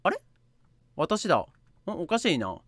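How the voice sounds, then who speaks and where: A woman playing a game and talking through it, reading the on-screen text aloud, dropping to soft murmurs and then jumping up to sudden high squeals. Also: sing-song, a little slow, husky, dry recording, studio quality. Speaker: game streamer. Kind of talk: let's play commentary.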